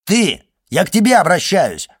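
A man voicing a loud, crude, spiteful schoolgirl who is stuck on a sofa and shouts and mocks in fast rants. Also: on the high side, big pitch swings, dry recording, studio quality, pitched above the performer's own voice. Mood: furious.

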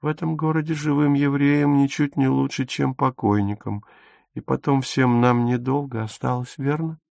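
A man voicing a numb, despairing young woman who speaks flatly and lifelessly, in an audiobook. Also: mid-range voice, normal speed, gravelly, no room sound, voice pushed up, close to an everyday voice. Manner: flat, lifeless.

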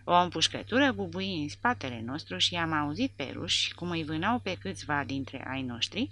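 A woman narrating an audiobook in a measured, even reading. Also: low-pitched.

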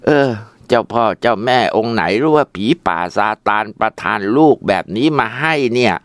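A man's voice: on the low side, normal speed, clean tone, no room sound, clean studio sound, close to an everyday voice. A man voicing a worried, middle-aged village mother who scolds and complains in a tearful way. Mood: exasperated.

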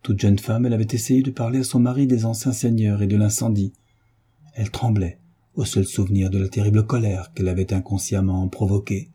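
A man narrating a classic novel in a measured, even reading as an audiobook narrator. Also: lowish voice, breathy edge. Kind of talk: scripted literary narration.

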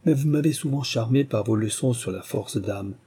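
A man's voice: mid-range voice, normal speed, warm tone, slightly rough, close to an everyday voice. A man reading as a resolute young soldier son.

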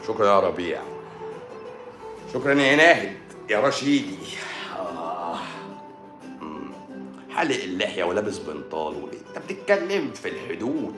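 Egyptian man, doctor on a live stream, sore throat, lively and sarcastic banter, echoey room. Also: low-pitched, moderate pace, pauses often, music in the background. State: sore throat and swollen eye. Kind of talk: casual live-stream chat answering comments.

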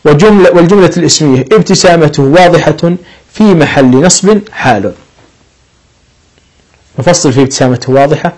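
A man's voice: fairly high pitch, a little mellow, low-quality recording. A man teaching an Arabic grammar lesson, explaining patiently step by step and lifting his voice on each example sentence.

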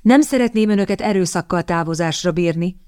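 Brief: woman reader voicing a smug aristocratic schemer, slow sardonic drawl, dry close audiobook sound. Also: mid-range voice, sing-song, smooth, no room sound, lightly acted. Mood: silky. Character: haughty scheming lord, smooth and smug.

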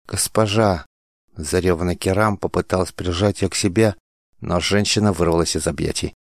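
A man narrating an audiobook in a measured, dramatic way. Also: low voice, steady tone, no room sound.

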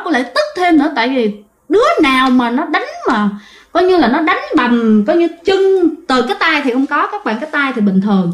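A woman telling a ghost story in a chatty way, talking straight to her listeners. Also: on the high side. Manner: chatty, addresses listeners directly, many fillers. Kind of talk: conversational storytelling. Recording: roomy echo.

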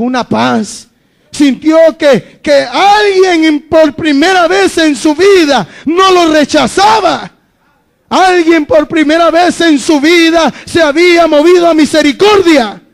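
Man, preacher, very high voice, dramatic sermon, hushed to shouting.

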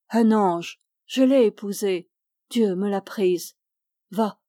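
A woman's voice: mid-range voice, dark tone, no echo, clean studio sound, close to an everyday voice. A woman voicing a devout, stern old retired captain in a novel reading.

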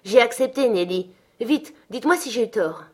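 A woman's voice: a little high, animated, normal speed, voice pushed up. A woman voicing a capricious, petulant young woman in an audiobook, pleading and insistent. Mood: urgent. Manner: urgent and insistent. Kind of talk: audiobook character reading.

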